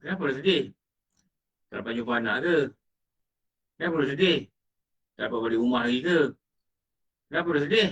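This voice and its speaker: A man's voice: a little high, lively intonation, a little fast, pauses often, fairly bright tone. A man with a Malaysian Malay accent giving an Islamic lecture as a religious teacher, asking his listeners questions and acting out quoted dialogue. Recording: distant muffled mic.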